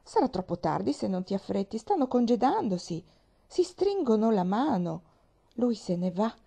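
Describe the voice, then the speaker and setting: A woman reading an audiobook who voices a fretful, excitable young wife, jumping up high in urgent, insistent exclamations. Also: moderate pace, gravelly, husky, full character voice. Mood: excited.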